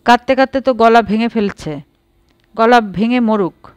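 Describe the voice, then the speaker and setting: A woman's voice: on the high side, normal speed, clean tone, dry recording, studio quality, natural voice. A woman voicing an irritable young mother who speaks harshly, in a storybook reading. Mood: irritated.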